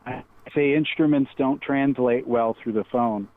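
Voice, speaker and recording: A man in his sixties talks over a tinny phone line that glitches and cuts out mid-sentence. He speaks at a middling pitch and sounds reluctant and evasive as he sells his guitars. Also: unhurried. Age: 60s. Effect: glitching phone line that keeps cutting out. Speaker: guitar seller on a phone call. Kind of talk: phone conversation.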